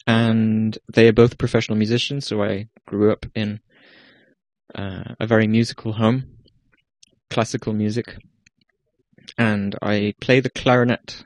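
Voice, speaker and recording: A young Icelandic-accented man speaks in a low, even voice, telling his story in a relaxed interview. He hesitates and restarts often as he searches for words. The sound is close and dry, with no room around it. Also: no echo. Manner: hesitant, many restarts and fillers. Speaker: guest musician. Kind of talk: casual interview talk.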